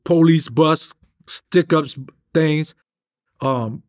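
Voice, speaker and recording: A middle-aged interview guest with a New York accent spins animated street tales in a studio with a drum kit, speaking emphatically in heavy slang and gesturing throughout. His streetwise voice is a little high and very slow.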